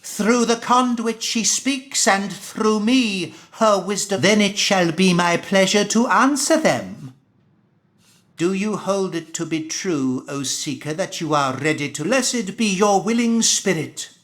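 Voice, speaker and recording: A man's voice: high voice, takes it slowly, a bit bright. A man playing a zealous cult priest in a video game, preaching solemnly in grandiose, archaic phrases. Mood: ceremonial. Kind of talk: theatrical video game acting.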